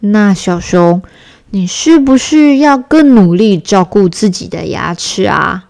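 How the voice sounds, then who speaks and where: A woman voicing a gentle, teasing father bear in a children's bedtime story. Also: medium pitch, expressive, slow, vocal fry.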